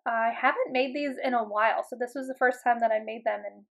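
A woman in her thirties with a somewhat high voice and some vocal fry narrates her home cooking in a casual voice-over from her kitchen. She talks in a relaxed, chatty way, loose and unhurried, with plenty of ums and uhs.

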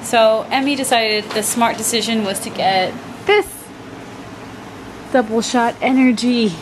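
A woman's voice: a little high, unhurried. Chatty woman vlogging in a noisy room. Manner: chatty, talks straight to viewers. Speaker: vlog host. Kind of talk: casual chat to camera. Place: apartment. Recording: noisy home recording.

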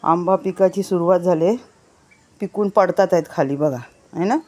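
A woman's voice: fairly low pitch, normal speed, mellow, a little hiss or hum. Chatty woman giving an outdoor garden tour. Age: adult, married. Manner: chatty, keeps pointing things out to viewers. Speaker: vlogger. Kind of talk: casual walking tour vlog. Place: outdoors among village gardens and trees.

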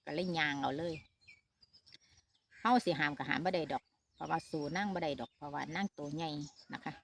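A woman's voice: deep voice, fairly quick, gravelly, a little hiss or hum. A middle-aged woman with an Isan Thai accent, chatting casually to her viewers in a family vlog update, filming on a phone outdoors at a shaded farm. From Northeast Thailand. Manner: chatty, talks straight to viewers with many fillers. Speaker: vlogger mother. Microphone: handheld phone camera.

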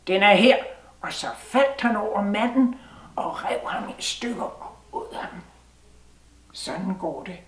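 A Danish woman telling a folktale aloud, slipping into hushed whispers at tense moments. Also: mid-range voice. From Denmark. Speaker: storyteller. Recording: roomy sound from a distant mic.

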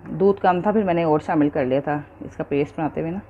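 A woman's voice: low voice, fairly quick, muffled recording, slight background noise. A woman hosting a cooking show, patiently explaining each step and checking in with her viewers.

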